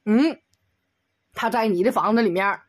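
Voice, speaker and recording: A woman's voice: medium pitch, normal speed, dry recording, clean studio sound. A woman, ranting comedically as a video commentator and firing off exasperated rhetorical questions. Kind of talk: comedic rant.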